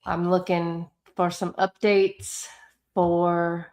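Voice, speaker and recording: A woman hosts a casual livestream in a slightly low voice. She speaks slowly and haltingly, sounding distracted. Her words come out a little thick, as from a swollen tongue. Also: flat delivery, darkish tone. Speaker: livestream host commenting on trials.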